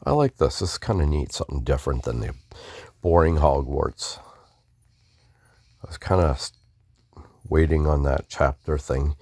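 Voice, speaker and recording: A man's voice: very deep voice, vocal fry, darkish tone, dry recording. A man casually talking through a video game playthrough, mumbling offhand asides and restarting words. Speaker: gamer doing a playthrough. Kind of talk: casual gameplay commentary.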